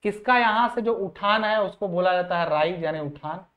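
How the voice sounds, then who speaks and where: A man's voice: high voice, normal speed, dull audio. Man tutoring with rhetorical questions. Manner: asks rhetorical questions and repeats key points; informal, addresses viewers as friends. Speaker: civil engineering tutor. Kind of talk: exam-prep lecture explaining diagrams.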